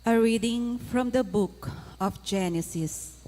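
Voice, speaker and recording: A woman reading scripture formally as a lector, in deliberate, separated phrases, in an echoing church. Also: on the high side, warm tone. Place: large church interior. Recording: long reverberant echo of a church.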